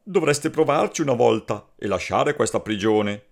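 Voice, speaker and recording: A man voicing a friendly, confident female swallow in a storybook tale, coaxing and lively. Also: medium pitch, moderate pace, creaky. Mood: encouraging.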